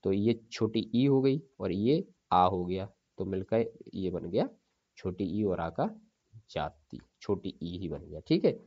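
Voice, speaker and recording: A man teaching Hindi spelling for an exam, repeating each word slowly and checking in with his students. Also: deep voice, expressive, slightly rough, muffled recording.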